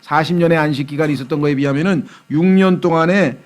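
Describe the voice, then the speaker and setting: A man's voice: a little high, quick pace. A man who is a pastor, preaching an expository Bible sermon in a conversational, joking way and mimicking accents. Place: church.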